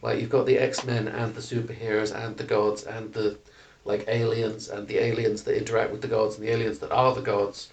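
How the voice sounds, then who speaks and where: A man's voice: fairly low pitch, little pitch movement, brisk, darkish tone, recorded from a distance. A man co-hosting a casual podcast, opinionated and laughing often as he chats. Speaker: podcast co-host. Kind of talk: casual chat.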